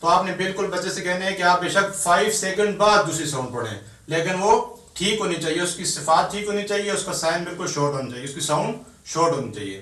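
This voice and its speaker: A man teaching a beginners' tajweed lesson. He talks patiently and drills each sound slowly, one syllable at a time. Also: high voice, lively intonation, pushed and bright. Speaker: Quran teacher. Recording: echoey room, mic at a distance.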